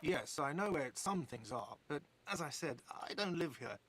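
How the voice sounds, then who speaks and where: A man's voice: fairly high pitch, animated, moderate pace, a bit bright, husky, full character voice. A man voicing a grumpy, sarcastic male cafeteria manager in a video game, nagging about money owed. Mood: defensive.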